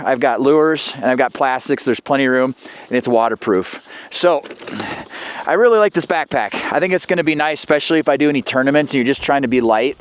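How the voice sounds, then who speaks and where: Clear-voiced man vlogging in the windy outdoors. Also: mid-range voice. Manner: talking outdoors in wind. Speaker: fishing vlogger. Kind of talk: casual outdoor vlog narration. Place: outdoors on a frozen mountain lake.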